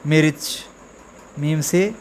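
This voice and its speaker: A man teaching the alphabet to beginners, sounding out each letter slowly and repeating example words with frequent check-ins. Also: on the high side, slight background noise. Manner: drawn-out, repetitive letter drills with frequent "theek hai". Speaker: Urdu teacher. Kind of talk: slow beginner alphabet lesson.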